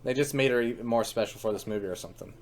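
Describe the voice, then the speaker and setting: A man's voice: mid-range voice, very fast, loud music behind the voice. A man co-hosting a casual movie reaction, explaining the plot with sarcastic asides. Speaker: reaction video co-host.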